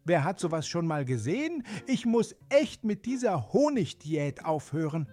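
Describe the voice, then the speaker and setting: A man voicing a big bear, all sticky with honey, complaining in a high, whining voice. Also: big pitch swings, normal speed, dark tone, soft background music. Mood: whiny.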